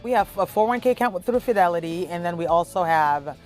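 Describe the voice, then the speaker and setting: A woman in her thirties from Cameroon, a travel blogger telling her family's story in a relaxed, chatty way with plenty of fillers. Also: lowish voice, quick pace, faint music behind. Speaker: travel blogger and content creator. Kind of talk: documentary interview.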